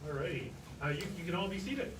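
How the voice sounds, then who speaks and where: A man's voice: high-pitched, expressive, fast talker. A man giving an informal ceremony address as clinic director, speaking plainly with some fillers. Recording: roomy, distant mic, noisy.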